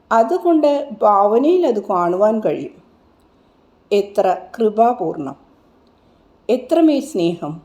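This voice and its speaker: A woman narrating a mystic's religious visions in a gentle, measured, reverent reading style. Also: on the high side. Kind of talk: slow devotional reading.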